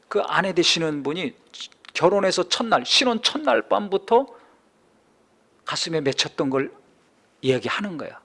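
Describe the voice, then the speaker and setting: A man preaches a sermon as a pastor in a slightly high voice, building from calm explanation up to impassioned, near-shouted climaxes.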